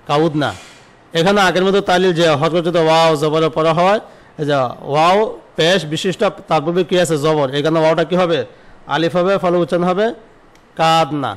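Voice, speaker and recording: Giving an online lesson on Arabic grammar, this man speaks in a slightly high voice. He asks questions himself, then answers them, going over word forms slowly and repeatedly.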